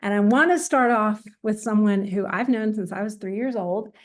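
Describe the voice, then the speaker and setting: A woman's voice: mid-range voice, normal speed. A middle-aged woman from Georgia, hosting and introducing in a conversational style. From small town in eastern Georgia, USA. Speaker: host, team leader. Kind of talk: conversational introduction on a group call.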